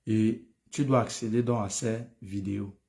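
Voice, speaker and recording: A man's voice: on the low side, steady tone, normal speed, vocal fry, warm tone. A tired man, advising viewers on studying abroad in a live stream. He speaks familiarly, calls viewers by name and repeats himself.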